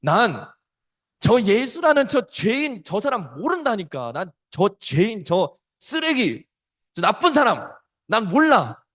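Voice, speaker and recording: A man's voice: extremely high pitch, lively intonation, moderate pace, fairly bright tone, pitched above the performer's own voice, exaggerated voice. A man voicing a frightened grown man who insists he does not know his teacher, in raised, emphatic denials. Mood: insistent.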